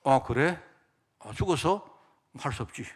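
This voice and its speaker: A man voicing a scheming king who gives sly, offhand hints in a lower, quieter voice. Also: animated, unhurried, husky.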